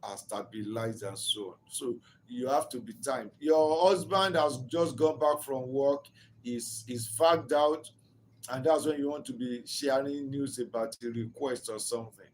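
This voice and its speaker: A man's voice: medium pitch, unhurried, slight background noise, rough recording. A man giving a motivational talk on relationships, earnest and instructive, repeating key phrases and asking rhetorical questions. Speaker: relationship speaker.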